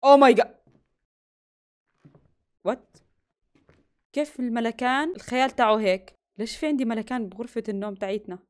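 A woman's voice: fairly high pitch, brisk, pauses often. A young woman, commentating a horror game, gasping and jumping between muttering and yelps. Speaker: gaming YouTuber.

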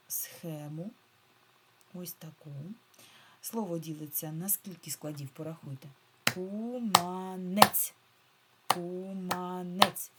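A woman teacher giving a remote reading lesson to first graders, patiently repeating key words and stretching them out slowly, syllable by syllable. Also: deep voice, darkish tone, slight background noise. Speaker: primary school teacher.

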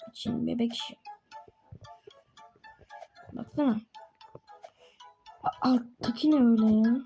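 Slow-talking woman narrating gameplay. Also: fairly high pitch, vocal fry, mellow. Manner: chatty, talks to herself and other players, quickly frustrated. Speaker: gaming channel host. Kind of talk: live gameplay commentary.

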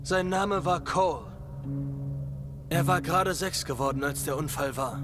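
Connor, a man as an earnest high-voiced young android. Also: a little slow, over music, natural voice. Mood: grave, earnest. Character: young male android detective, earnest and precise. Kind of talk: dubbed video game drama.

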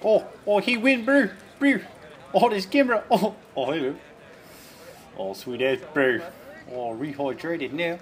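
Man putting on an excitable, high bro. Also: a little slow, close to an everyday voice. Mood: excited. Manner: exclaiming, slangy. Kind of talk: comic improvised voice-over.

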